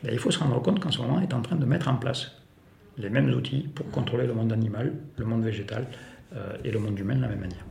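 A man giving an emphatic, off-the-cuff explanatory talk on a political matter, stressing some phrases and dropping others low. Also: fast talker, vocal fry, mellow, a little hiss or hum. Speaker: farmer speaking as an activist. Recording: echoey room recording.

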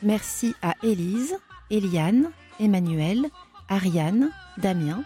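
A woman reading thank-yous and credits in a plain, measured way. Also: mid-range voice, animated, mellow, faint music behind. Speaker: credits reader.

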